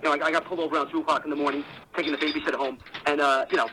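A man on a collect call from jail, heard through a distant phone line as his voicemail plays back. He rambles at a breakneck clip, stumbling over fillers and half-starts, in a voice pitched a bit high. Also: steady tone, background noise. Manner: rambling, halting, full of fillers. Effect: collect call from jail, voicemail played over the phone line. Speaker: caller.

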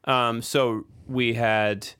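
Smooth-voiced man chatting casually. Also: medium pitch, drawn-out words. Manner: relaxed, rambling with fillers. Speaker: podcast co-host, drummer. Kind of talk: casual chat about their record.

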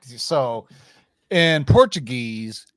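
A man's voice: mid-range voice, lively intonation, drawn-out words, dry recording, clean studio sound. A man co-hosting a casual comic sales chat, joking and swearing, trailing off with fillers. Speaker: co-host of a comic sales show.

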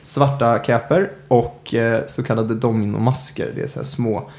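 Man, podcast host, casual true-crime storytelling, halting, filler-heavy, mid-pitched voice. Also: steady tone, a little mellow. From Sweden. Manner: hesitant, many filler "eh"s.

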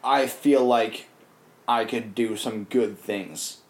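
A man's voice: mid-range voice, steady tone, slow. A young man in casual chat on a podcast, rambling with lots of fillers and swearing freely.

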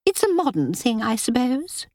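A woman's voice: wildly swooping pitch, measured pace, slightly rough, no echo, studio quality, heavily acted. A woman voicing a tactless, scolding aristocratic lady in a storybook reading. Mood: sulky. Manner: shrill, scolding, sulky. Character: tactless nagging aristocratic middle-aged woman.

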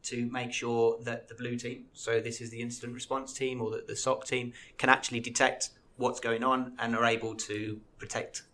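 A man appearing as a podcast guest, explaining his security work in a measured way with some fillers. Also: mid-range voice, flat delivery, pushed and bright.

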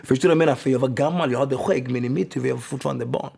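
A man in his thirties, a former pro footballer from Gothenburg, telling animated, slang-heavy stories in a casual podcast chat. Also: mid-range voice, vocal fry, husky. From Gothenburg, Sweden. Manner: animated storytelling, slang-heavy, keeps asking if you follow.

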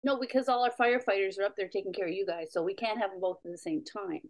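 A woman's voice: medium pitch, fast talker, a loud crowd. A middle-aged woman from Canada, a comedian guest telling anecdotes in a casual, wry way.

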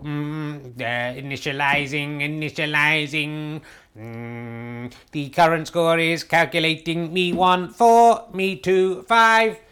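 A man's voice: on the high side, steady tone, takes it slowly, fairly bright tone, smooth. A man speaking through a robot voice filter as a robot announcer reading out scores in a mock commentary. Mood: mechanical.

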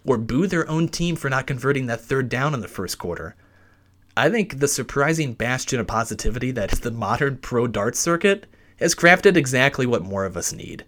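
A man hosting a podcast from inside a basement closet, narrating a scripted sports story in an animated storytelling way. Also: mid-range voice, moderate pace. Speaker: podcast host.

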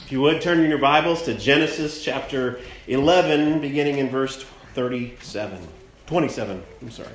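A man preaching a sermon at a pulpit microphone in a church, plainspoken and conversational, stressing words slowly for emphasis. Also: medium pitch, faint music behind. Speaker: pastor. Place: church sanctuary. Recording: echoey church room.

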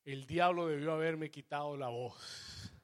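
A blind man preaching a sermon, swinging between loud shouts and low murmurs and dropping into English asides. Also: unhurried.

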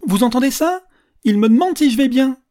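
A narrator voicing a jovial, eccentric old man who teases strangers loudly and theatrically in an audiobook. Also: mid-range voice, sing-song, a little fast, voice pushed up. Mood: loud, teasing. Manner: loud, theatrical, teasing. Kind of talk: audiobook character voice.

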